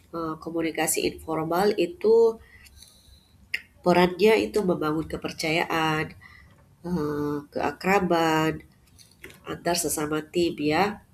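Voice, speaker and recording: Slow, measured woman giving a lecture. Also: lowish voice, a little mellow. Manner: measured, with frequent "eh" fillers and "ya" tags. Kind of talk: unscripted lecture.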